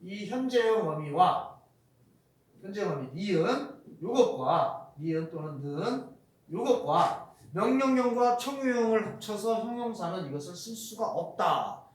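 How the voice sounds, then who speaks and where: High-voiced man lecturing in an echoey room. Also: lively intonation, measured pace. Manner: explains with spoken example sentences, many fillers. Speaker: Korean grammar teacher. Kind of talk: recorded lecture.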